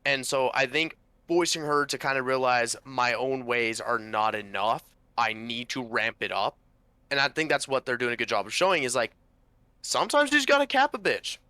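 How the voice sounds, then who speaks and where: A man co-hosting a casual reaction chat, laying out his points in a measured way with the odd swear. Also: mid-range voice, pushed and bright, clean tone, no echo. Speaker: podcast co-host.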